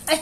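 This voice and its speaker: A woman's voice: high-pitched, gravelly, a little hiss or hum. A woman playfully teasing her pet dog, repeating short commands and questions in a coaxing way. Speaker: pet owner.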